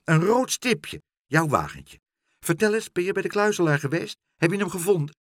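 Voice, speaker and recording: A man voicing a cheerful, chatty male seagull who squawks loudly, in a spoken storybook. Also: high-pitched, lively intonation, normal speed, no room sound, clean studio sound, pitched above the performer's own voice. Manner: loud and squawking.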